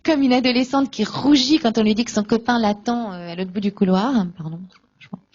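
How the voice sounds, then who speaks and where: A woman giving a personal faith testimony at a conference, recounting events with lively acted-out dialogue. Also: a little high, fairly quick, dull audio. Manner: lively, acts out remembered dialogue.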